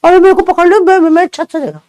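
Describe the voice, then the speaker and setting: A man's voice: fairly even intonation, fast talker, a little mellow, dry recording. A man voicing a chattering middle-aged woman shopkeeper who watches trouble from her roof. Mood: excited gossip. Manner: shrill, chattering, self-excusing.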